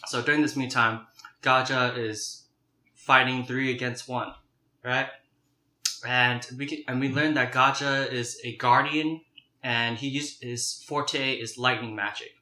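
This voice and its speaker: A young man chatting casually and a little haltingly as he hosts a mukbang, eating crunchy fried chicken. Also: medium pitch, fairly even intonation, sharp tone. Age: young adult. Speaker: mukbang video host. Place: home kitchen, indoors. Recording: roomy, echoing kitchen sound.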